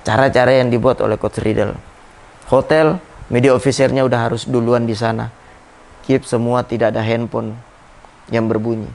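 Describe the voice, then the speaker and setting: Gravelly-voiced man telling stories. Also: mid-range voice, fairly even intonation, a little mellow. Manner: reflective, halting with restarts. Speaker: interview guest, former football captain. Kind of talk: casual interview storytelling.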